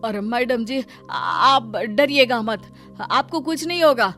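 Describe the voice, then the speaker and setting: A woman voicing a poor, brave laborer husband in a cartoon story, earnest and quick to exclaim. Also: on the high side, lively intonation, fairly bright tone, faint music behind, heavily acted. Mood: reassuring. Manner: earnest, exclaims "arey" a lot. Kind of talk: Hindi cartoon story dubbing.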